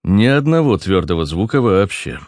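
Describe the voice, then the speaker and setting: Brief: male audiobook narrator, deep voice, dry close recording. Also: big pitch swings, normal speed, a little mellow, no echo.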